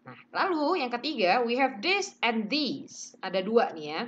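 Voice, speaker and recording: A woman's voice: fairly high pitch, very animated, measured pace, fairly bright tone, muffled recording. A woman teaching English pronunciation in a casual online lesson, chatting, mixing in English phrases and modelling sounds.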